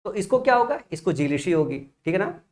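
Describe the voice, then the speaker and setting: A man's voice: high voice, very animated, fairly quick. A young man teaching a vocabulary lesson, explaining patiently and asking his students rhetorical questions while writing on a board. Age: young adult father. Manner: often checks in with "theek hai na". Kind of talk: classroom-style vocabulary lesson.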